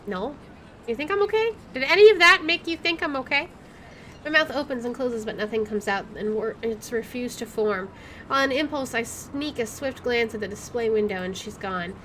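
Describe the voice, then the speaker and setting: A woman plays through a visual novel, reading its text aloud with drama and tossing in casual commentary. Her voice is on the high side at a moderate pace, with soft game music behind it and a little hiss or hum on the recording.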